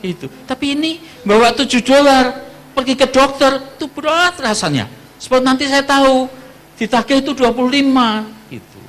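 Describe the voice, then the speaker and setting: A pastor from Java preaching a sermon and telling a personal testimony, his voice jumping high when he quotes people, with frequent laughter. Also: moderate pace. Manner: storytelling, animated voice jumps high for quoted speech, laughs often.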